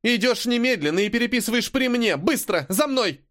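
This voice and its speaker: A man voicing a bossy, accusing female math teacher in a dry-recorded audiobook, her lines high and strident. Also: sing-song, a little fast, fairly bright tone. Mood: outraged.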